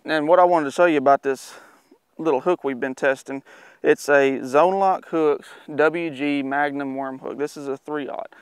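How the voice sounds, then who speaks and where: Smooth-voiced man teaching fishing outdoors. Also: a little high. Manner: easygoing, excited, talking while fishing. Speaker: fishing show host. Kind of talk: casual on-the-water fishing instruction. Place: outdoors on a boat on a pond.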